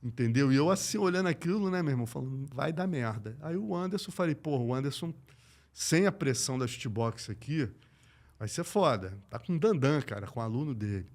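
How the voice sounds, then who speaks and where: A man from Brazil, an MMA journalist, telling stories in a lively, slangy way on a casual podcast. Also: medium pitch, a little fast. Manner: animated, slangy, acts out quoted voices.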